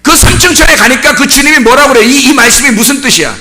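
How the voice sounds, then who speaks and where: A male pastor delivering a sermon in a very high, lively voice that leaps up and down in pitch. His tone is bright and forceful, and he hammers home each point with rhetorical questions. Now and then he breaks into a shout. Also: quick pace, faint music behind. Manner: emphatic preaching with repeated rhetorical questions; bursts into shouting on key points.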